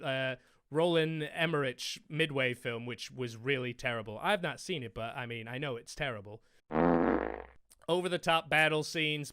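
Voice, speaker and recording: A man hosts a film quiz and sarcastically picks apart a movie trailer. His voice is bright and smooth, a little higher than most men's, and recorded dry and close. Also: no room sound. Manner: sarcastic, mocking. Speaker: quiz show host. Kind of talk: comic film trailer recap.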